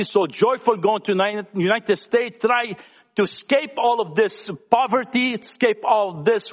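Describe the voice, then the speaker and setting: A man sharing his personal testimony at a church gathering, talkative and earnest as he speaks to young people. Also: high-pitched. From Lebanon. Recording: echoey hall.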